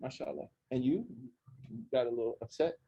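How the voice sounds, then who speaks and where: An imam in his forties from Oklahoma, USA, with an Oklahoma accent, leads an informal student session in a campus center room, chatting, joking and asking the group questions. His medium-pitched voice moves a little fast and is creaky, with a dark tone and a breathy edge. The highs are cut off in the recording.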